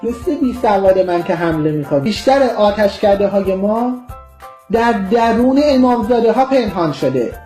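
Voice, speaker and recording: Brief: high-pitched man from Iran, political commentator, vehement, scornful, lecturing tone. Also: animated, warm tone, faint music behind. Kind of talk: impassioned political monologue.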